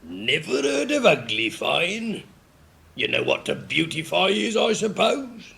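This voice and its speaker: A man's voice: high voice, very animated, unhurried, vocal fry, bright, forceful tone, exaggerated voice. A man playing a brusque, blustering gryphon, scornful but jolly and blunt in manner, in a 1950s dramatised storybook recording. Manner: blunt, chuckling, emphatic.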